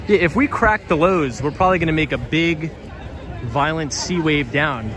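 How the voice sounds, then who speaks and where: A friendly livestream host walks a windy city street at night, chatting casually and reading viewer comments aloud. His voice is on the high side, at normal speed, and sounds a little tired. Crowd noise surrounds him, with clear music behind the street stream.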